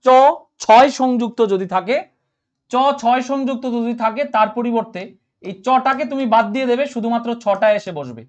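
A man teaching a live online grammar class, repeating each point and checking that everyone understood. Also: very high voice. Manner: reads out and answers viewer comments, repeats points, asks if clear.

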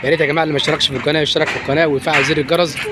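Rapid-fire Egyptian man reporting over street noise. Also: a little high, little pitch movement. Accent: Egyptian Arabic. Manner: repetitive announcing of prices to viewers. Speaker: market vlogger, presenter. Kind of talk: street-market price report. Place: outdoor street market. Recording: very noisy outdoor street with traffic.

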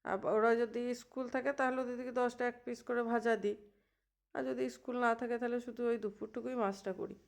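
A woman's voice: on the high side, steady tone, fast, gravelly. A woman in her thirties chatting in a homely, rambling way as she narrates a cooking vlog in her home kitchen. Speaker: housewife vlogger.

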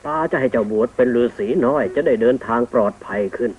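An actor playing a kind, wise old male hermit who speaks gently to his grandson, in an old cartoon. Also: mid-range voice, quick pace, slight background noise, lightly acted. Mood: fatherly. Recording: tinny old film soundtrack with music.

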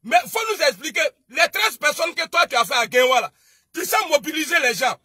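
A man with an Ivorian French accent ranting on a political livestream, scolding and shouting, then dropping to low mutters. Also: animated, brisk, dry recording, clean studio sound. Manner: shouting, scolding, swings between loud outbursts and low muttering. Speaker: online video commentator. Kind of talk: heated political livestream rant.

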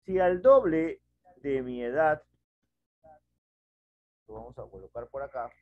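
A middle-aged male math teacher in a headset patiently works through a problem at a whiteboard in a small home room during an online class, explaining step by step and asking questions. His mid-range voice is expressive and slow. The video call audio is dull, lo-fi and dry.

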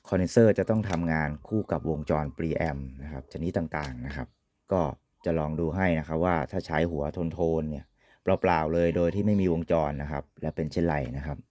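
A man's voice: rumbling low, brisk, a little mellow, no room sound. A man giving an informal, polite product demonstration as an equipment reviewer, often ending phrases with courtesy particles.

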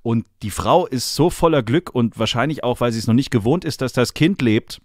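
A man in his forties hosts a chatty podcast over a remote call, his pitch swinging up and down as he jokes and teases. The sound is dry and close, with no room around it. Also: animated, a little mellow, no room sound. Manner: playful, teasing, quick banter. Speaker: podcast host. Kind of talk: casual chat. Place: office.

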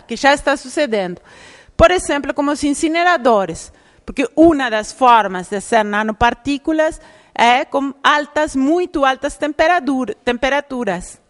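Lecturer, female, high pitch, explanatory, recorded in a reverberant hall. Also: a bit bright. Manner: explanatory, often checks in with the audience. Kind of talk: public lecture.

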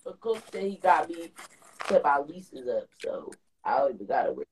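A woman's voice: sits low, animated, normal speed, a little mellow, a little hiss or hum, poor audio. A woman from Newark, brash and profane in casual comedic banter. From Newark, New Jersey.

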